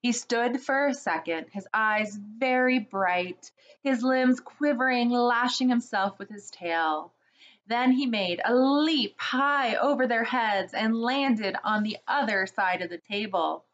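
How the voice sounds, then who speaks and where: Brief: unhurried woman storyteller reading to kids, soft asides, muffled audio. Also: a little high. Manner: slow, gentle, with asides to children. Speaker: children's story reader for a church. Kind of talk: reading a children's book aloud.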